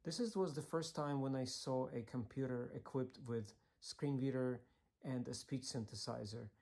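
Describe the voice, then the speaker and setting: A man from Ukraine who works on accessibility, telling his story in a pre-recorded video, earnest and steady, with small fillers. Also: mid-range voice, moderate pace. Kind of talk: scripted video talk.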